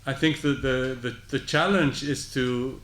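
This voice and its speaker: An older man on a panel replying to a question in a reflective, measured way, with a few restarts. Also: mid-range voice, steady tone, a bit bright. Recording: roomy hall, clear background noise.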